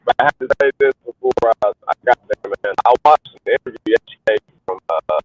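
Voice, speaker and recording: A man's voice: on the low side, animated, fast, husky, dry recording, soft background music. A man calling in from a car, talking casually over a choppy, robotic call connection that keeps breaking up. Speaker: caller. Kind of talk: casual chat. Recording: dull, distant call line.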